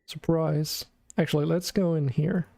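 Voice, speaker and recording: A man's voice: fairly high pitch, level tone, a little slow, vocal fry, dark tone, no echo. A man hosting a game stream, chatting casually and thinking aloud with some hesitation. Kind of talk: casual chat while playing a game.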